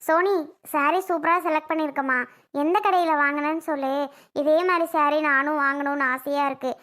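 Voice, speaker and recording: A woman putting on the voice of a calm, motherly older woman who gently consoles and reassures others in a family skit. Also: high voice, normal speed. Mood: gentle.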